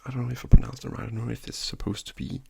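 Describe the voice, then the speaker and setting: A man's voice: mid-range voice, level tone, very fast, creaky, slight background noise. A young man whispering names over and over as ASMR trigger words, with casual joking asides, in a whispered role-play. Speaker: ASMR creator.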